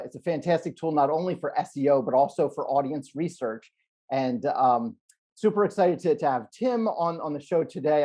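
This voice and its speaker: A man's voice: on the high side, warm tone. Upbeat middle-aged male interview host. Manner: upbeat, enthusiastic, hesitant restarts. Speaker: podcast host. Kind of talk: casual interview hosting. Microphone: wired earphones on video call.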